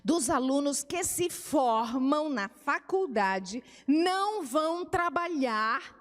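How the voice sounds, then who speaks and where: High-voiced Brazilian woman in an echoing hall. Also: lively intonation, slow pace. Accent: Brazilian Portuguese. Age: middle-aged. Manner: conversational teaching, acts out family dialogues. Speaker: family therapist. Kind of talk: church family seminar talk. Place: church hall. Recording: reverberant church hall.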